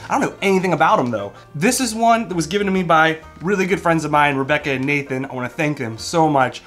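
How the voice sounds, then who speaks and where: A man's voice: a little high, a bit bright. A man in his thirties chatting casually to camera as a snack reviewer, munching on crunchy chips between phrases. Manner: eating crunchy chips while talking, with appreciative mmms. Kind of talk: casual chat to camera while tasting. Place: small indoor room at home.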